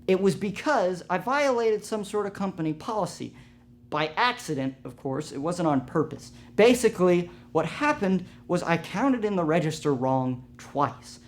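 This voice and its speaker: A young man narrating a comedic storytime about his jobs, animated and self-deprecating, often restarting his sentences. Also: high voice, moderate pace.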